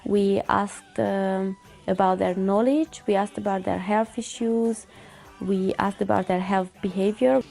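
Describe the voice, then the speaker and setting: A woman's voice: mid-range voice, fairly even intonation, unhurried, creaky, warm tone, faint music behind. A woman in her twenties from Hungary, a volunteer doctor, recounting her fieldwork in an earnest, matter-of-fact way with some hesitations. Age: 20s. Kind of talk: interview testimonial.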